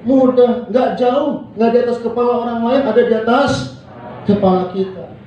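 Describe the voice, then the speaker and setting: A man's voice: very high voice, moderate pace, lo-fi sound, faint music behind. A male pastor preaching a sermon in a church hall, leading the congregation in call-and-response and acting out the people he quotes. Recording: echoey hall, mic from far off.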